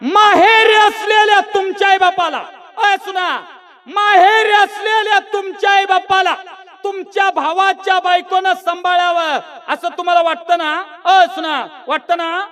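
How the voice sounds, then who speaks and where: A man performing a comic folk sermon on stage, shouting and teasing the audience into calling back. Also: extremely high pitch, flat delivery, unhurried. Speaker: bharud performer.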